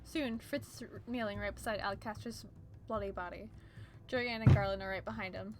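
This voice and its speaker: A woman's voice: medium pitch, fairly even intonation, normal speed. A woman reading a visual novel as its narrator, mixing dramatic storytelling with casual commentary.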